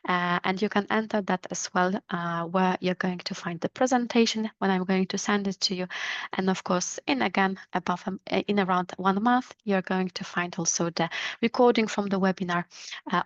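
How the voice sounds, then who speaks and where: A non-native English-speaking woman presenting a webinar over a video call, explaining things in a deliberate, instructive way. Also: mid-range voice, no room sound. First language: not English. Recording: dull lo-fi call audio.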